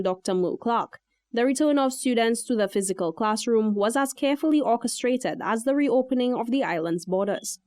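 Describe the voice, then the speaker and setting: A woman reporter reading a scripted news package in a formal, even delivery. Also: mid-range voice, dry recording, clean studio sound.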